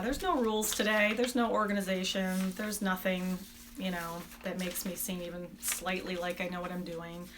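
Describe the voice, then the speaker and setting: Bright-voiced woman, rambling craft podcaster. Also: medium pitch, slight background noise. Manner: rambling, self-deprecating, informal. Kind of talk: casual, unscripted video podcast chat about knitting.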